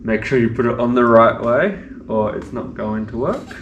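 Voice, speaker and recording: A man's voice: mid-range voice, expressive, moderate pace, muffled recording. A man giving a casual how-to demonstration as a bike tech presenter, talking through each step as he works. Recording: echoey room with faint noise.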